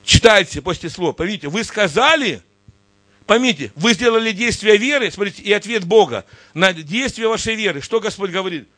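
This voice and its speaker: A man's voice: high voice, expressive, fairly quick, sharp tone, no room sound. A man preaching a sermon with emphatic, repetitive appeals to his listeners. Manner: emphatic, repeats "understand, look" constantly. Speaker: pastor.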